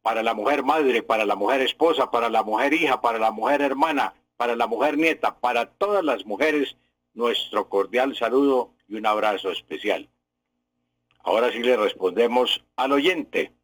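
A Colombian man speaks as a radio language professor, his voice husky and a little breathy. He explains patiently and digresses into historical stories. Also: mid-range voice, moderate pace, fairly bright tone, dry recording. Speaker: language professor answering listeners. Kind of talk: radio language advice segment.

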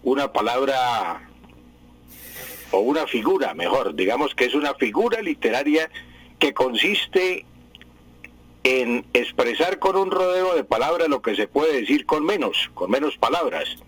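A man's voice: medium pitch, lively intonation, measured pace, a bit bright, slightly rough, rough recording. A man explaining word spelling and meaning to radio listeners in a patient, explanatory way with many fillers. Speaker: language expert answering listeners.

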